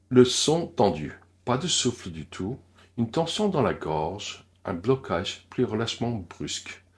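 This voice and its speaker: A man from Korea with a Korean accent, giving a careful pronunciation lesson. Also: deep voice. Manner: slow, careful demonstrations with many pauses. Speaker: language teacher.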